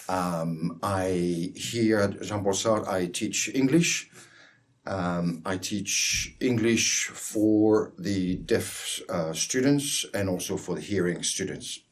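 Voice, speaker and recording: A man with a very deep voice introduces himself, speaking extremely slowly. He pauses on fillers between short phrases. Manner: slow, halting, with pauses. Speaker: English teacher. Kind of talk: interview self-introduction.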